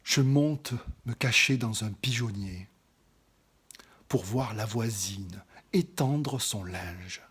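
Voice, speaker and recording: A man whose voice sits on the low side with a breathy quality gives a slow, dramatic reading of poetry. He slips into whispers that feel intimate and lets some phrases build in loudness.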